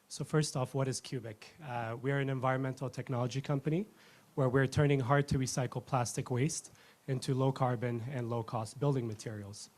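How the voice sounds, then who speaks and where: A man in his thirties from Ethiopia, giving a rehearsed pitch as a company founder in an earnest, fluent way. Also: steady tone, brisk, darkish tone.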